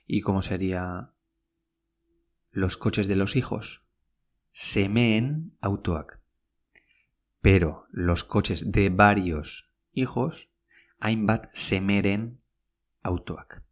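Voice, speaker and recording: A man teaching a podcast language lesson, patient and repetitive, spelling out words and saying each phrase twice. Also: on the low side.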